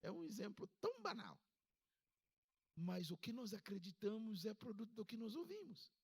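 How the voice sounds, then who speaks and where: A Ghanaian pastor in his fifties preaches a sermon during a church service, his Ghanaian accent carrying emphatic rises in pitch. His voice is sing-song, creaky and slightly rough, at a moderate pace.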